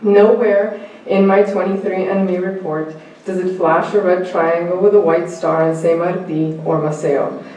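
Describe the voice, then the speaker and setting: A woman's voice: fairly low pitch, steady tone, a little slow, dark tone, a little hiss or hum. Woman reading a personal essay in an echoey hall. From United States. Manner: reflective, lightly humorous, addresses the audience directly. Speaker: conference speaker. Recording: echoey hall, distant mic.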